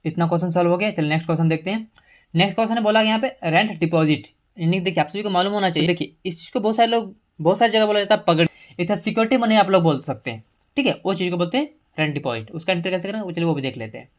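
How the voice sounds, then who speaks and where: A woman with a low voice teaches a screen-recorded computer lesson. She explains each entry patiently and in order, mixing in English terms as she goes, and clicks can be heard as she works. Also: racing. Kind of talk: screen-recorded software tutorial.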